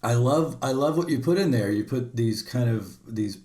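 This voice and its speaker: A man's voice: mid-range voice, animated, normal speed, warm tone. A man hosting a radio show, asking questions eagerly and filling gaps with lots of ums over a video call. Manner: enthusiastic, many fillers. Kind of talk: casual interview.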